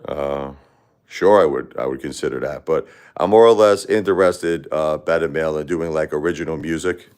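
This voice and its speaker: This deep-voiced livestream host from Brooklyn, New York talks at a normal speed with a slightly mellow sound. Chatting casually with viewers, he rambles, repeats words, restarts sentences, and calls out chatters by name.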